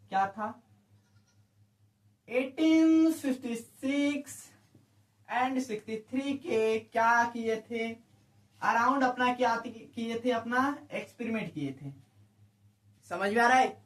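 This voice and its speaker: Slow, echoey male biology teacher. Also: very high-pitched. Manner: keeps asking rhetorical questions and checking understanding; drawn-out, repeating key terms. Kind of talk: online exam-prep lecture. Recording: echoey room, speaker far from the mic.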